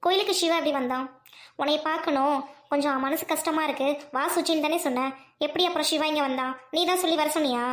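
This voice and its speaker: A woman's voice: sits high, fast talker, reverberant, natural voice. A woman voicing a stern young female friend who speaks firmly and reproachfully, in an audio drama. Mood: suspicious. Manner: firm, reproachful.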